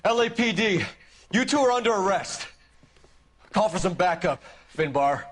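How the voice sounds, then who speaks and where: Straight-laced crime-game detective, formal and measured, lively pitch. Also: male voice, a little hiss or hum. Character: earnest young male police detective. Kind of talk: 1940s crime game dialogue.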